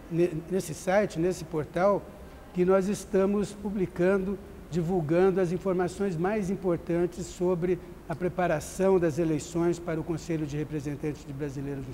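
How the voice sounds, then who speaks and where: A man with a Brazilian accent, speaking as a diplomat guest in a formal interview, measured and pausing with "eh" fillers. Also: on the high side, warm tone, in a large hall, a little hiss or hum. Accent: Brazilian Portuguese.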